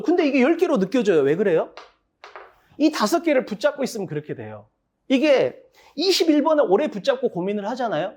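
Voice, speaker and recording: At an info session for parents, an English cram-school instructor speaks bluntly and emphatically in a mid-range, slightly mellow voice. They use rough slang and keep asking rhetorical questions, then answering them.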